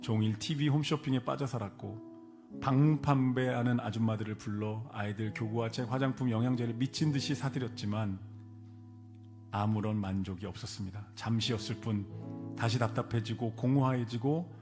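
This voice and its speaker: A man's voice: mid-range voice, fairly even intonation, moderate pace, music in the background. A male pastor preaching a Sunday sermon, building to emphatic, rising peaks. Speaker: senior pastor. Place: church sanctuary.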